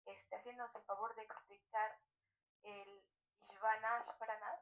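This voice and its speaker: A woman's voice: a little high, fairly even intonation, a little slow, gravelly, a bit bright, low-quality recording. A woman, a student sharing a thoughtful, hesitant comment in class. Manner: thoughtful, hesitant, searching for words.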